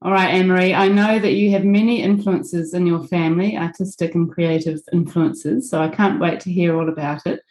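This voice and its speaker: A woman's voice: fairly low pitch, fairly even intonation, a little fast, hardly any pauses, a little mellow. A woman hosting a podcast and interviewing a guest over a video call, her voice echoey because she recorded without a microphone. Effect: echoey room sound from recording without a mic. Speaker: podcast host. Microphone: built-in computer mic on a video call.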